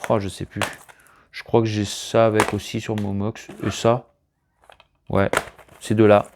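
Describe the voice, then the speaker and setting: A man's voice: fairly low pitch, level tone, a little slow, noisy background. A man casually showing off his collection finds at home, rambling and hesitant, often chuckling. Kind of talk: casual unboxing chat to camera. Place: room at home, indoors.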